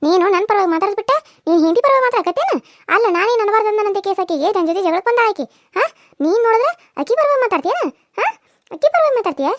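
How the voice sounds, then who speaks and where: A woman voicing a sharp-tongued older village mother-in-law in a cartoon serial, scolding loudly and rapidly. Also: very high-pitched, animated, no echo, clean studio sound. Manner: loud, scolding, rapid-fire nagging.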